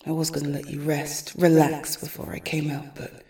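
A woman voicing an obsessive, unhinged female stalker in a whispered audio roleplay, crooning slowly and intimately in a breathy voice. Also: completely flat delivery, dark tone. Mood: jealous, cold. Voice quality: breathy whisper with creaky low tones. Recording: roomy echo.

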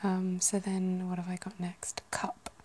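A British woman in her thirties whispers casual ASMR chat, musing to herself and correcting herself as she goes. Her voice sits on the low side, a little slow and completely flat in delivery. There is background noise.

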